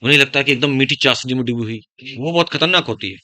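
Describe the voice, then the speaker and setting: A man's voice: medium pitch, fast, pushed and bright, no echo, clean studio sound. A man teaching biology to students in a classroom, giving life advice with a heavy, stern-sounding voice. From Uttar Pradesh, India. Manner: speaks of his own heavy, stern-sounding voice; addresses students as beta, digresses into life advice. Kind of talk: classroom lecture.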